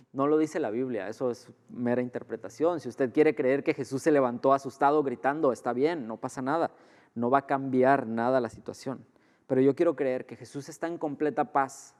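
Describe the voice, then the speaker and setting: A man preaching an earnest sermon, softening to a hush at times and rising again. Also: on the high side. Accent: Mexican Spanish. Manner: earnest, rises and drops in loudness, softens to a hush when quoting. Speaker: pastor. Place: church sanctuary. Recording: long church hall reverb.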